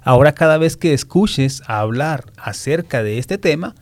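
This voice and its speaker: A man's voice: a little high, animated, a little slow, no room sound. A man hosting a children's religious radio program, addressing young listeners directly. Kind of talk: children's radio show presenting.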